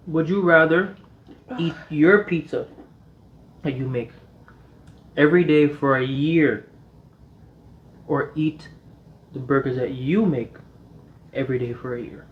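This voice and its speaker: A man's voice: fairly high pitch, slow pace, pauses often. A man chatting casually as co-host of a food challenge. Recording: dull, lo-fi sound with background noise.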